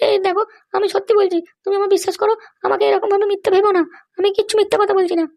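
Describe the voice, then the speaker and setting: A woman's voice: very high-pitched, flat delivery, rapid-fire, vocal fry, darkish tone. A woman voicing a put-upon young wife in a cartoon, pleading and protesting her innocence. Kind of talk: cartoon voice acting.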